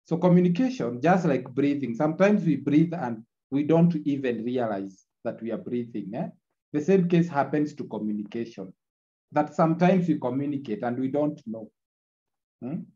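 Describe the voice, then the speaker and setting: A man's voice: mid-range voice, lively intonation, normal speed, mellow, dull audio. A man teaching an online class, heard through a screen recording of the video call, repeating his points and checking in with "eh?". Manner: repetitive, checks in with tag "eh?". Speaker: lecturer.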